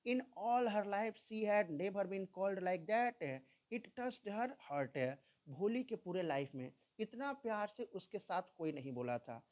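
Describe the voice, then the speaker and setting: A woman's voice: fairly low pitch, warm tone. A woman teacher, reading an English story line by line and explaining each line in Hindi. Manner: reads English text slowly, then explains in Hindi.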